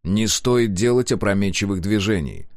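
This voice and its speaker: A man's voice: on the low side, lively intonation, dry recording, studio quality. A man voicing a smug, coolly formal male stranger in an audiobook. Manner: measured, formal, smirking.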